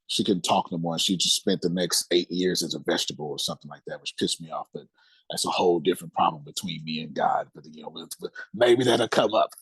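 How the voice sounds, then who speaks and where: A man's voice: on the low side, slightly rough, no room sound. A man being interviewed on a podcast, telling his life story candidly and emphatically, with speech and streetwise slang, repeating phrases for weight. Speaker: podcast guest.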